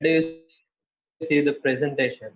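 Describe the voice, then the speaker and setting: A man's voice: on the high side, steady tone, normal speed, low-quality recording. Man on a call with cutting-out audio. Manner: asks short technical questions. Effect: online call audio cutting out. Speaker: call participant. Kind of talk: casual call chat.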